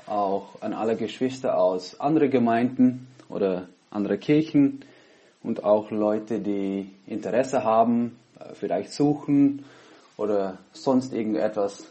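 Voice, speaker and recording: A man from the Netherlands, a pastor speaking German with a Dutch accent, gives an earnest online sermon and prayer through a headset at his laptop, pausing often between phrases. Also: on the low side, dark tone. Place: home, recorded at a laptop.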